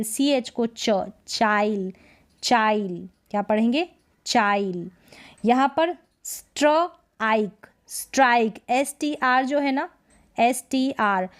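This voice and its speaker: A woman teaching English pronunciation in a spoken lesson, sounding words out slowly syllable by syllable and asking rhetorical questions. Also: a little high. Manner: slow, drawn-out syllable-by-syllable demonstrations, frequent rhetorical questions.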